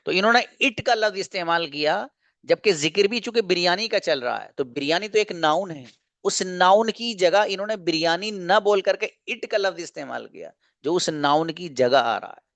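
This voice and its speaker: A man teaching an online English grammar lesson, explaining slowly, repeating examples and asking rhetorical questions. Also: sits high, expressive, fairly bright tone, dry recording.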